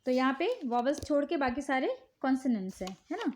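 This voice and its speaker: A woman with an Indian accent and a high, light voice walks through a children's worksheet. She talks slowly and patiently, checking in with the listener again and again. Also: very animated. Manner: slow, patient, repeats "ठीक है" often. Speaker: teacher showing worksheets. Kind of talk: casual instructional talk.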